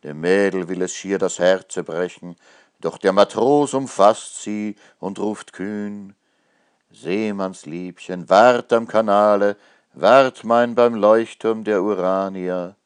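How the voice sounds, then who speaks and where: A man's voice: lowish voice, slow pace, clear, resonant tone. A man giving a theatrical recitation of a comic ballad, his delivery swelling and falling with the verse. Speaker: poetry reader. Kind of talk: dramatic poetry recitation.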